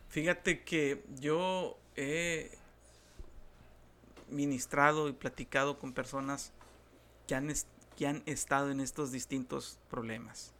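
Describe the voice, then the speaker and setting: A man who is a pastor with a northern Mexican accent, telling stories in a talk-show interview, animated and acting out the voices of the people he quotes. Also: medium pitch, slow pace.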